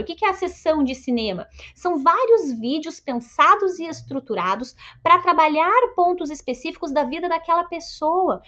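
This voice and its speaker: A woman psychologist giving a lively motivational talk to colleagues, telling stories and acting out her patients' lines. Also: high voice, highs cut off. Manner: storytelling, acts out patients' lines in a raised voice. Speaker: psychologist and course mentor.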